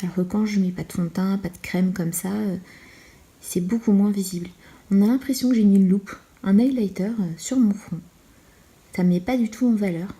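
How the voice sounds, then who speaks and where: A woman in her thirties chats to camera like a beauty vlogger, giving a casual product review in a mellow, soft-edged voice of middling pitch. She speaks briskly with fairly even intonation, sounding confiding and a bit self-deprecating. The roomy indoor space adds a clear echo.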